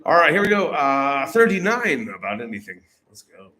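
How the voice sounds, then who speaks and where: A man's voice: on the high side, sing-song, moderate pace, bright, forceful tone. A man hosting live bar trivia, reading out questions, cracking jokes and swearing freely. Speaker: trivia host.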